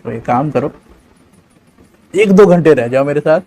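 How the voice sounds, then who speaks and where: A man voicing a gentle, sad old mother who pleads softly and forgives. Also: on the high side, animated, measured pace. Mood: gentle pleading. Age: over 60. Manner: soft, hushed pleading.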